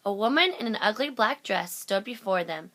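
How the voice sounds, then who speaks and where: A woman's voice: medium pitch, animated, moderate pace, fairly bright tone. A woman narrating a children's picture book aloud as a storyteller. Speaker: storybook reader.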